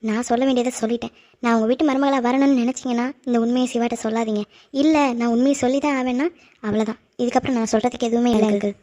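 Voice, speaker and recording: A woman's voice: fairly high pitch, fairly even intonation, rapid-fire, mellow, close to an everyday voice. A woman voicing a scheming, obsessive young woman in a cartoon, cold and menacing. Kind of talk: cartoon voice acting.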